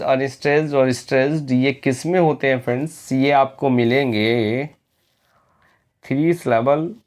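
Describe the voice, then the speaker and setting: A male teacher giving an exam-prep lecture, reading English definitions slowly and often asking the students if it is clear. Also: mid-range voice. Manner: slow, drawn-out reading of English definitions, quizzing questions to students; repeatedly asks "clear friends?".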